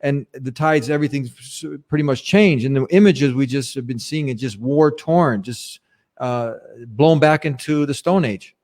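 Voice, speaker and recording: A man's voice: mid-range voice, normal speed, a little mellow. A man hosting a casual interview, prompting his guest with questions and summing up. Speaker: host.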